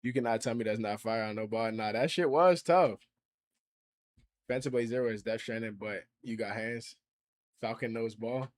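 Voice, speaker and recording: Young male streamer in his twenties, loose and slangy, mid-pitched voice, talks back to chat. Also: normal speed. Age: 20s. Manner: slangy, reacts to and reads out viewer chat. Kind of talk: casual livestream chat.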